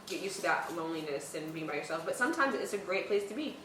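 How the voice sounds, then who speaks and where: A young woman chatting casually as a co-host, slangy, giggly and animated in the way she talks. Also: lowish voice, quick pace. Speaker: mukbang co-host answering viewer questions. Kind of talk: casual girl-talk chat. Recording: roomy echo, distant mic, faint noise.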